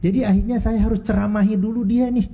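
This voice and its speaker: A man's voice: high voice, steady tone, fast talker, creaky, warm tone, dull audio. A middle-aged man giving an anecdotal talk, emphatic, repeating phrases and acting out dialogue. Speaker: speaker on language diplomacy.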